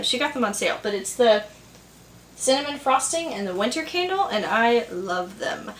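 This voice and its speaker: Young woman, book vlogger, casual chat, enthusiastic, higher voice, echoey home room. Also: fairly bright tone, slight background noise. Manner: chatty, enthusiastic, laughs easily. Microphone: camera filmed by her sister.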